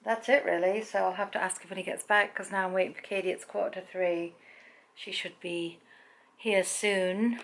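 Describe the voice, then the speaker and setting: Female vlogger, gravelly fry in the voice, informal and chatty, rambling video-diary delivery. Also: on the low side. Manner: chatty, tangent-prone. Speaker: daily vlogger.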